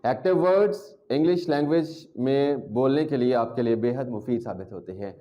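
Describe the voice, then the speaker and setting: A man teaching an English language lesson, drilling words and sounds slowly and repeating each one. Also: medium pitch, lo-fi sound.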